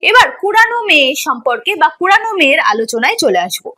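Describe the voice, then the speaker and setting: A woman who teaches an exam preparation course gives a didactic online lesson, asking questions and answering them herself while repeating key points. She talks fast in a high, bright, sing-song voice with a forceful tone.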